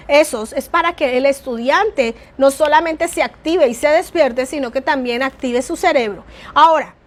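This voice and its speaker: High-voiced woman teaching, soft and expressive. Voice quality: naturally soft, low-volume voice. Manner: varies tone and volume for emphasis, addresses listener as "mi amado". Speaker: church teacher. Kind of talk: online class lecture.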